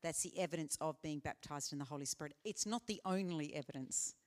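A woman at a conference, speaking in a hall, fields questions in a live teaching session with an earnest, conversational tone and many fillers. Her voice is deep and slightly mellow, and she talks fairly quickly.

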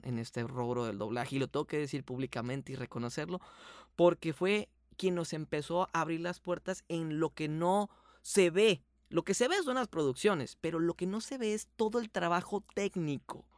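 A man's voice: a little high, dry recording, studio quality. A man from Sonora with a Sonoran Mexican accent, a voice actor speaking earnestly and at length as an interview guest. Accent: Sonoran Mexican Spanish. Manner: earnest, grateful, explains at length. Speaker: voice actor and production manager, guest. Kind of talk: casual podcast interview.

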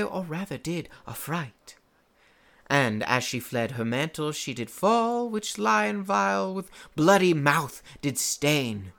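In a Shakespeare radio play, an actor portrays an earnest amateur player declaiming a pompous prologue full of halting, misplaced pauses. His voice is mid-range and a bit bright, and the performance is heavily acted.

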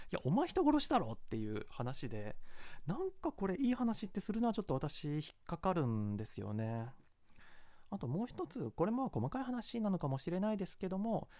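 A host from Kansai talks through a film review in a casual, analytical way, often hedging and wandering into asides. The pitch moves a lot and the pace is quick. The recording is dry and close. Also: warm tone, no room sound. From Kansai, Japan. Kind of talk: casual solo commentary.

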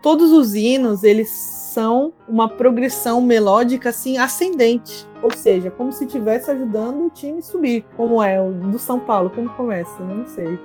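Teacherly Brazilian woman, higher voice. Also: normal speed, hardly any pauses, soft background music. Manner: patient, teacherly, lively explanations. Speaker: music therapist guest. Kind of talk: explanatory interview talk.

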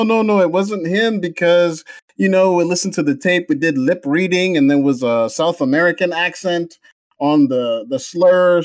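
A man with a Jamaican accent and a fairly high voice co-hosts a casual football podcast, sounding heated and indignant as he keeps restarting his sentences. There's no room sound on the recording.

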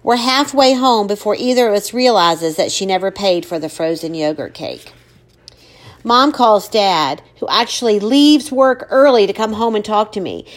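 A woman reading a first-person story as an audiobook narrator, with expressive, emotional delivery of her own lines. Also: mid-range voice, normal speed.

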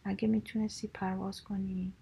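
Caring storybook swans, earnest and cautioning, woman narrator doing them, husky. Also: mid-range voice, level tone, mellow. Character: two worried caring swans.

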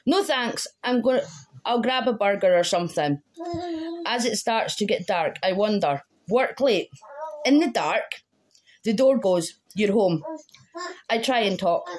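A woman reading poems aloud as a guest in a steady, rhythmic way with a wry edge. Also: medium pitch, a little slow. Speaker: guest poet. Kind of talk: reading her own poem aloud.

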